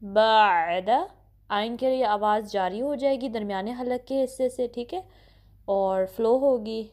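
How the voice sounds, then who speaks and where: एक महिला शिक्षिका, जो धैर्य से धीरे-धीरे तजवीद का उच्चारण सिखाती है और अक्षरों को बार-बार दोहराती है।. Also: female voice, a little high, mellow. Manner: patient, repeats syllables slowly, often says "okay". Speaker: Quran recitation teacher. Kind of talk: slow step-by-step pronunciation lesson.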